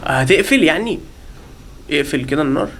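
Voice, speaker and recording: شاب مصري بصوت عالي يعلق على لعبة رعب. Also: male voice, on the high side, expressive, brisk, creaky, slight background noise. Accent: Egyptian Arabic. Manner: panicky, yelling in bursts while being chased; jokey, talks to viewers and the game. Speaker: gaming channel host. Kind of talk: live horror game commentary.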